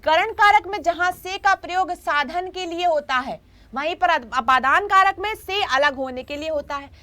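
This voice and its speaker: A woman's voice: extremely high pitch, moderate pace, pushed and bright. A woman teaching a grammar lesson in an online class, repeating her points and often checking in with her students.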